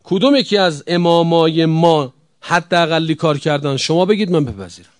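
A man preaching a religious sermon, emphatic, firing rhetorical questions and swinging between loud calls and hushed answers. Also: on the high side, no echo, clean studio sound.

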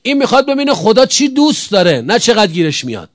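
A man preaching a religious sermon, emphatic, firing rhetorical questions and swinging between loud calls and hushed answers. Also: high voice, big pitch swings, no room sound, studio quality.

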